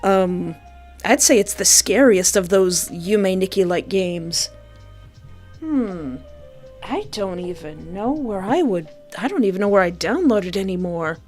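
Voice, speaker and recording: With soft music underneath, this woman streamer and game developer talks to her audience in a mid-range, expressive voice, a little on the slow side. Her manner is casual and gushing as she responds out loud to what viewers type in chat.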